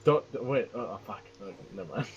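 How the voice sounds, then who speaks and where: A man's voice: mid-range voice, expressive, quick pace, dull audio. A man playing in a tabletop game, bantering casually, swearing freely and blurting out jokes. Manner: swears freely, joking outbursts. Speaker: player.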